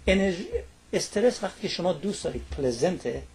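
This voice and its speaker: Lecturing man, slightly high voice. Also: lively intonation, gravelly, a little mellow, slightly rough. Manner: lecturing, checks in with tag questions. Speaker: studio guest explaining stress. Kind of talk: explanatory talk-show interview.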